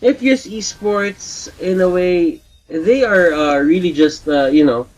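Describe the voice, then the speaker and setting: Excited male esports caster. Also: slow pace, poor audio. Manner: shouts high and excited in big plays. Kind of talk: live esports play-by-play commentary.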